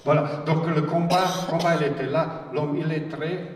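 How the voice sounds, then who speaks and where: Heard from a distant mic in a large conference hall with long reverb and faint noise, a Bosnian-accented writer on a panel shares personal stories. He speaks haltingly in a fairly high, steady voice, repeating himself and adding wry humor.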